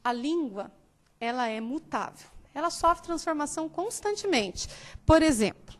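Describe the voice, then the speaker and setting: A woman teacher from São Paulo state with a São Paulo Portuguese accent softened by years in the south, giving a live classroom lecture and often checking that students understand. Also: sits high, animated, a little slow. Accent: São Paulo Portuguese, softened by years in southern Brazil. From São Paulo state, Brazil.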